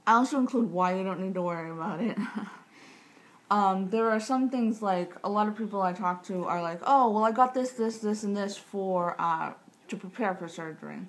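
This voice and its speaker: A woman's voice: mid-range voice, normal speed. A woman in her thirties chatting casually to the camera with tight-jawed speech, rambling and matter-of-fact as she interrupts herself. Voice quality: tight-jawed speech from recent jaw surgery. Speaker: vlogger sharing surgery recovery tips. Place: small living room, indoors. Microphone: camera mic at about arm's length. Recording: clear background room noise.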